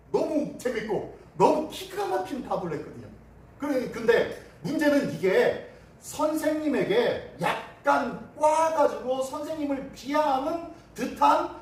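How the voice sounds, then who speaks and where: A middle-aged male pastor preaching a sermon, telling stories and acting out the dialogue. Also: extremely high pitch. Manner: animated storytelling, acting out dialogue. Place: church sanctuary. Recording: distant mic in echoey church hall.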